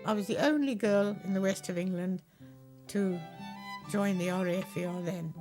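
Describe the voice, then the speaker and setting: A woman's voice: medium pitch, moderate pace, soft background music. An older woman, a former wartime ferry pilot, telling stories in an interview and acting out the voices of the people in them. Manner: lively, acts out voices in her anecdotes. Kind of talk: interview storytelling.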